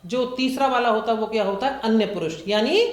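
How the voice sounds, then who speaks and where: A woman's voice: a little high, brisk, reverberant. A woman schoolteacher, patiently explaining grammar to young children and asking them questions. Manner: patient, repeats points and asks the class questions.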